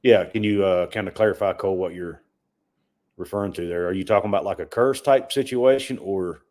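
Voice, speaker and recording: A lower-pitched man co-hosts a livestream sports chat. He talks casually and stumbles over repeated words when he presses a point. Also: fairly quick, a little mellow. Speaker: sports podcast co-host.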